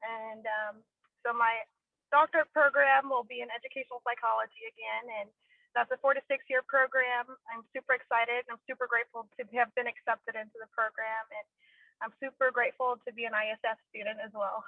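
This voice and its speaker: A woman graduate speaking on a video call, grateful and nervous, a little halting. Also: a little high, steady tone, vocal fry, no room sound. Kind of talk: short speech over a video call. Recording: dry tinny phone-like audio.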